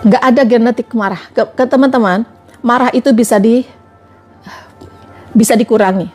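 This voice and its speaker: High-voiced woman preaching on a live stream. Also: normal speed, a little mellow, soft background music. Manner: repetitive rhetorical questioning. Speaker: religious speaker on a live stream. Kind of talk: live-stream religious talk.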